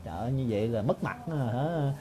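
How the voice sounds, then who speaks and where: A man's voice: mid-range voice, animated, quick pace, dark tone, slight background noise. A man giving a sarcastic, mocking monologue to his viewers. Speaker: political commentator.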